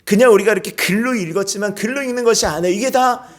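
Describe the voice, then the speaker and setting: A man preaching a sermon to a church congregation, lively and calling out praise examples. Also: high voice, fast talker. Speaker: pastor. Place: church sanctuary.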